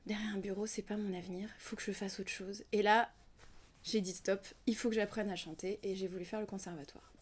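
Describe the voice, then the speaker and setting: Raised in France to a Ukrainian family, this young woman, who sings and teaches singing, chats casually and thoughtfully in an interview, hesitating with lots of fillers and at times nearly whispering. Her mid-range voice is brisk with fairly even intonation, and the background is noisy.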